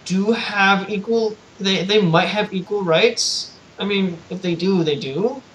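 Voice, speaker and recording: A man's voice: high-pitched, fairly bright tone, slight background noise, rough recording. A young man on a live stream, chatting casually and swearing freely, with frequent restarts. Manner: loose, profane, halting restarts. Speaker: co-host.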